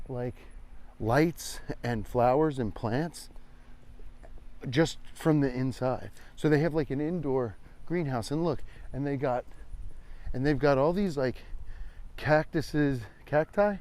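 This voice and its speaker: The host of this rambling comedic walking vlog is an American man in his forties, strolling an outdoor trail and chatting casually, irreverently and with free swearing. His pitch is medium, his tone darkish.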